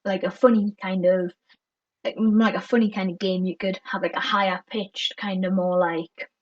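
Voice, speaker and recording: A woman's voice: medium pitch, steady tone, moderate pace, no echo, recorded from a distance. A woman co-hosts a casual podcast in a loose, rambling way, full of filler words. She sounds set back from the mic, and the audio is dull and lo-fi. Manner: rambling, heavy use of "like" and "kind of". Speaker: podcast co-host.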